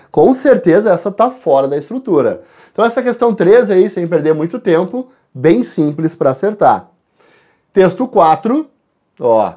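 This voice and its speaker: Brief: Brazilian prep-course teacher with a lively, swinging pitch, speeding up and slowing down between points. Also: slightly rough. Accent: Brazilian Portuguese. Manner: talks to the class, spells out letters and counts sounds aloud; shifts between quick asides and slow stressed words. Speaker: Portuguese teacher. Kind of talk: recorded exam-correction class.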